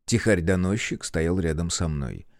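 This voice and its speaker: Guy reading a story out loud, lively swinging voice, dry close sound. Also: deep voice, a little slow, dry recording. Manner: animated storytelling. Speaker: audiobook narrator. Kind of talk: expressive first-person story narration.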